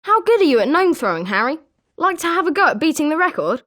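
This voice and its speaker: Speaking with a British accent, a woman plays an eager, sporting schoolboy wizard in a video game, reading scripted character lines. Her voice is high-pitched, a bit bright, very animated and quick, with a chirpy, emphatic, encouraging delivery.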